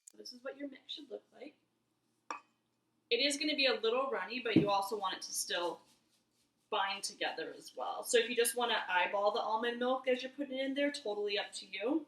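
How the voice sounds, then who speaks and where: Her voice sits on the high side and moves fairly quickly, with background noise present. She's a twenty-something cooking vlogger giving an easygoing, talkative demo in her home kitchen, guiding viewers step by step. The kitchen sounds roomy and echoey.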